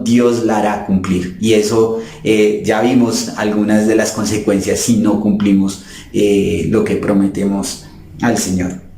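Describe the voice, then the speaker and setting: A man's voice: on the low side, dark tone. A man preaching a sermon in an earnest way, addressing his listeners as brothers and sisters. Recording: roomy echo.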